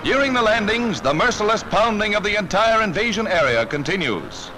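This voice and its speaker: A man's voice: high-pitched, expressive, a little fast, poor audio. Rousing old newsreel announcer, man. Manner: rousing, emphatic announcer delivery. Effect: old newsreel sound. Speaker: newsreel narrator. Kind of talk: 1940s newsreel narration. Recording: narration over loud orchestral music.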